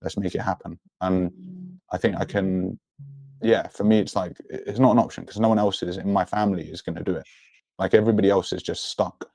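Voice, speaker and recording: A man's voice: sits low, steady tone, brisk, warm tone, no room sound. A young man speaking as an interview guest in an earnest, introspective way about his own life. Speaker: podcast guest. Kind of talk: personal, reflective interview talk.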